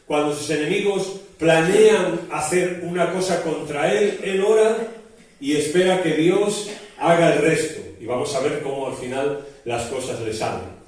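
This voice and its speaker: A male pastor from delivers a sermon, explaining patiently with restarts and rhetorical asides. His voice sits a little high. The mic is some way off, and the church hall rings with heavy echo. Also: darkish tone. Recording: very echoey church hall from a distance.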